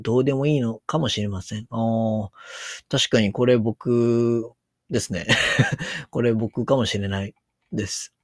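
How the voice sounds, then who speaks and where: A man's voice: medium pitch, darkish tone, no room sound, studio quality. A man with a Kansai accent giving casual commentary on a news article, musing aloud and reading passages out as he goes. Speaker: solo commentator.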